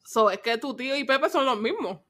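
A woman co-hosting a casual chat with brief reactions and quick laughs. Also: high-pitched, lively intonation, sharp tone.

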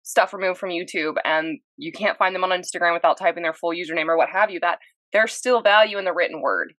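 A woman's voice: on the low side, fast, fairly bright tone, no echo. A woman hosting a podcast, asking questions in an upbeat, chatty way. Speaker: podcast host. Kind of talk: casual interview chat.

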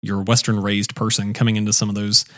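A man's voice: on the low side, level tone, fast, a bit bright, dry recording, clean studio sound. A young man co-hosting a casual podcast chat, rambling with lots of fillers and restarts. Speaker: podcast co-host.

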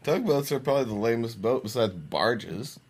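A man's voice: mid-range voice, lively intonation, normal speed, breathy edge. A man co-hosting a podcast in casual banter, teasing and asking quizzical questions, often laughing. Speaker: podcast co-host.

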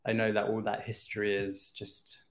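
A man with a London accent, a guest on a podcast, talking softly and a little hesitantly. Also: fairly low pitch, monotone, moderate pace, a crowd in the background. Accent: London English. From England. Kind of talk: casual interview chat.

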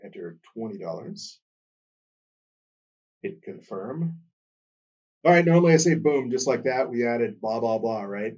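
A man with a husky, somewhat breathy voice hosts his solo podcast in a loose, chatty way. His pitch and loudness swing up with enthusiasm, then drop low again. The sound is dull and a little distant from the mic. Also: expressive, a little slow, long pauses. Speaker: podcast host. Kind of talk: casual solo podcast talk.

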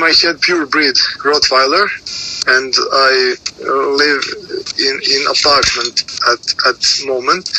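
Halting Serbian-accented man. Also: medium pitch, pushed and bright, low-quality recording. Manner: halting, frequent fillers and restarts. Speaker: dog breeder, guest. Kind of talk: interview answers. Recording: radio-style sound.

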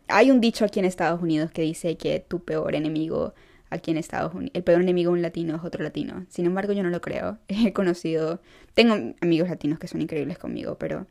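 A young woman talks casually to her followers in a mellow, warm voice. She is emphatic and chatty and laughs easily between points. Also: fairly low pitch. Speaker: vlogger. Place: Los Angeles.

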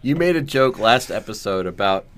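A man's voice: lowish voice, animated, moderate pace, a bit bright. A man co-hosting a casual movie podcast, recapping scenes in a matter-of-fact way. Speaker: podcast co-host. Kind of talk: casual movie review chat.

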